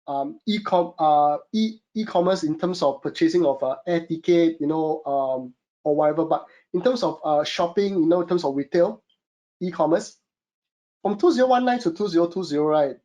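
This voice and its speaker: Warm in tone, slightly high, and at normal speed, the voice belongs to a Singaporean webinar host who consults on e-commerce. He speaks with a Singaporean English accent from his home studio, chatting with lots of fillers and calling the audience "guys."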